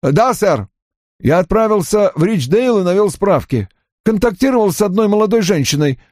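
A high, lilting voice belongs to a fussy young male assistant who reports every detail at length in stiff, formal phrasing, as a man puts him on. The storybook delivery swings up and down. It is recorded close and dry, with no room sound. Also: lively intonation, normal speed, darkish tone, no echo. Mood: earnest. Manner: long-winded, over-formal reporting. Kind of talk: audiobook character voice.

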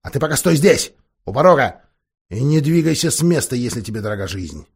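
A man voicing a huge, menacing grey wolf guard in an audiobook, gruff and threatening. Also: mid-range voice, sing-song, brisk. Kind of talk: audiobook character voice.

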